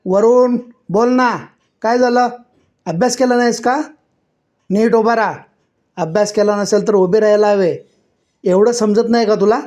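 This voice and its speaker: A stern, short-tempered schoolteacher barks at his pupil, as a male storyteller puts him on. The voice jumps high and loud, yet the tone stays dark and mellow underneath. It is acted dialogue within a read-aloud story. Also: a little slow, pauses often. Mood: scolding. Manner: loud scolding, raised pitch.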